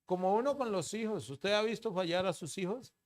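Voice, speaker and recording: A male pastor preaches in a clear, resonant voice that sits a little high. He keeps asking the congregation questions, pushing some lines loud and dropping others to a low murmur. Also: expressive, brisk. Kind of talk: sermon. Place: church.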